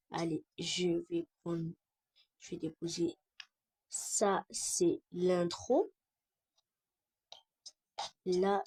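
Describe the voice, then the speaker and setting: A woman playing a slow-talking home vlogger. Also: lowish voice, darkish tone, slight background noise, lightly acted. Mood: muttering, hurried. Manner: slow, halting delivery with restarts. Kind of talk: amateur web drama.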